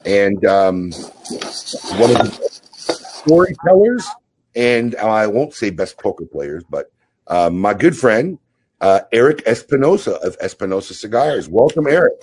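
A man's voice: fairly low pitch, sing-song, measured pace, darkish tone, breathy edge. A man hosting a talk radio show, teasing his co-host and leading segments in an easygoing way. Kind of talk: casual chat and show hosting.

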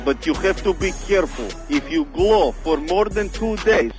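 A man voicing an earnest, deadpan salesman, broken English and w said for v. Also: high voice, normal speed, over music. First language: not English. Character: earnest foreign salesman Boris with dubious products. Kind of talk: deadpan prank phone call.

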